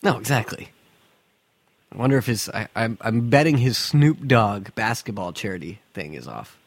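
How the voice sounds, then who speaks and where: A man's voice: fairly low pitch, animated, moderate pace, gravelly, dry recording. A man hosting a casual sports podcast from an attic, speaking bluntly and profanely with strong opinions. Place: attic of a house, recording in summer heat.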